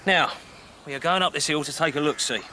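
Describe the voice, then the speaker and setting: In a period radio drama, a man plays a brisk, blunt soldier, shaken by war yet practical, giving terse, plain-spoken, bossy lines with a wry, commanding mood. His voice is a little high, pushed and bright, with a bit of hiss or hum.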